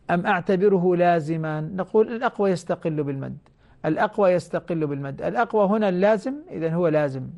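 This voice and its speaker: A man teaching Quran recitation rules on a television program, explaining each rule and then chanting short example verses slowly, calling the listeners his brothers. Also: high voice, darkish tone. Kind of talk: televised tajweed lesson. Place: TV studio.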